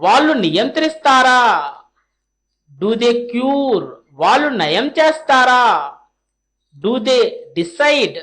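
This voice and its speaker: Woman language teacher, high voice, painfully slow drill delivery. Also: lively intonation, fairly bright tone. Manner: slow, deliberately spaced English phrases, each followed by a translation. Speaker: spoken English teacher.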